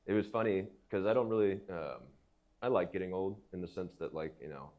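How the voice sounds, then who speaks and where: A man's voice: low-pitched, brisk, lo-fi sound. A man in his thirties hosting a casual, joking podcast chat. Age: 30s. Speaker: podcast host. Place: basement.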